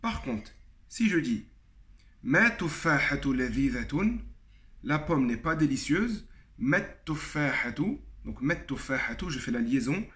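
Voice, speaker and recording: A man with a fairly high voice teaches a lesson, walking through each point step by step. He slows down to repeat example words carefully and fills the pauses with hesitations. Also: animated, fairly bright tone. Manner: explains step by step, repeats example words slowly, frequent fillers. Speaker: Arabic teacher. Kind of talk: video lesson.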